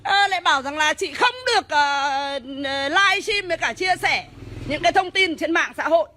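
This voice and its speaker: A woman, a homeowner shouting and swearing as she scolds police officers at her gate. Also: very high voice, animated, normal speed. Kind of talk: heated real-life argument.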